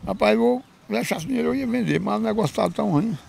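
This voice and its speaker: An older farmer with a gravelly voice talks quickly into a handheld mic held out to him at an open-air fairground. He answers in an emphatic, folksy way and keeps repeating his points. His speech stays rough and rapid throughout. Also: sits high, a little mellow. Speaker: donkey cart owner. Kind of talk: casual interview answers. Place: outdoor dirt fairground with animals. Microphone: handheld mic held by interviewer.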